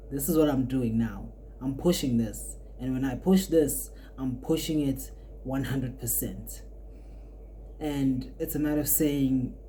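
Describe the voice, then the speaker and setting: Her voice is extremely low and dark, with a little hiss or hum in the background. The twenty-year-old podcast host, who studies art, thinks out loud casually, wandering reflectively and often starting over.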